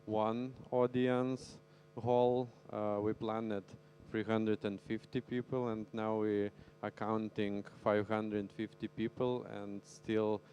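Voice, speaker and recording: Low voiced guy hosting a conference hall, friendly and a bit hesitant, talks slow. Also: level tone, a little mellow, a little hiss or hum. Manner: friendly, hesitant, laughs while introducing the speaker. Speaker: conference host. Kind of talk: stage announcement.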